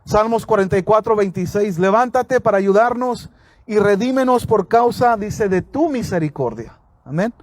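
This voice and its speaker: A man's voice: high-pitched, animated, moderate pace, no echo. A man preaching a sermon outdoors, reading scripture aloud and earnestly calling his listeners brothers. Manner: earnest, calls listeners "hermanos", frequent amén.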